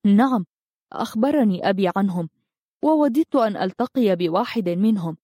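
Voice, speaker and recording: A woman voicing a shy, kind young villager man in a storybook, gentle and eager. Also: medium pitch, expressive, a little fast, no room sound, studio quality, close to an everyday voice.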